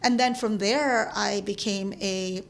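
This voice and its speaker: A woman in her forties from the Philippines, a podcast guest talking casually, halting with many restarts and frequent laughs. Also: medium pitch, steady tone, vocal fry. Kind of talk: casual interview chat.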